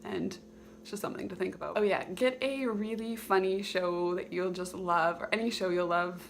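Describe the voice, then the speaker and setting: Creaky-voiced woman giving informal advice. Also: lowish voice, lively intonation, normal speed, slight background noise. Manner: hesitant, thinking aloud, hedging. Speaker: video host sharing personal advice. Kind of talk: informal advice vlog to camera.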